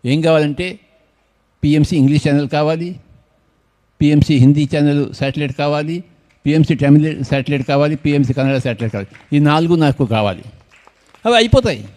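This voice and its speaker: A man's voice: a little high, normal speed, a little mellow. Older man teasing his audience. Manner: teasing, joking asides to people in the audience. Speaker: meditation movement leader. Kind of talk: informal speech to a gathering.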